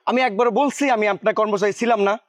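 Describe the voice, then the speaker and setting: A man playing a jittery rapid-talking young tutor. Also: high-pitched, steady tone, close to an everyday voice. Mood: defensive. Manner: pleading, quick excuses.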